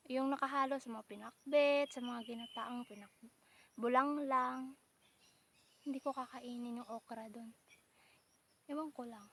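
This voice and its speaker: Slight background noise accompanies this vlogger, whose voice sits high. Out by the rice fields, the young woman keeps things casual and chatty, teasing and joking in a blend of English and Tagalog.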